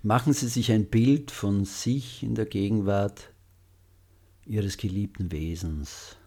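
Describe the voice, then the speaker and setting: A man guiding a loving-kindness meditation, speaking gently with long pauses and letting his phrases trail off softly. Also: lowish voice. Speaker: meditation guide.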